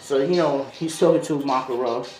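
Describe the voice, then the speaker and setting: In a mid-range voice with a darkish tone and normal speed, this video host improvises a casual story, slangy and meandering, full of tangents. His voice is backed by a music beat and has a roomy echo.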